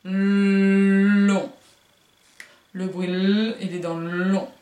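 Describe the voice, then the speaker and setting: Kindergarten teacher, woman, slow deliberate syllables, distant mic in a roomy space. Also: lowish voice, steady tone, a little mellow. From France. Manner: slow, drawn-out syllables, sings sounds. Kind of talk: phonics lesson for young children. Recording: echoey room, voice from a distance.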